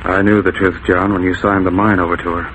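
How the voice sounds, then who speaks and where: An actor playing a steady, decent Mountie sergeant, measured and earnest, in a 1940s radio drama on a dull old recording. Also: male voice, low-pitched. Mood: calm, probing. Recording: dull, faintly noisy vintage radio.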